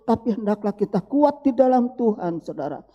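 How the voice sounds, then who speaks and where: A woman's voice: on the high side, animated, moderate pace, lo-fi sound. A middle-aged woman pastor preaching a sermon, phrases rising with emphasis and falling away at each line's end. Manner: addresses listeners as brothers and sisters, rising emphatic phrases dropping at the end. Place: church hall. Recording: long hall reverb.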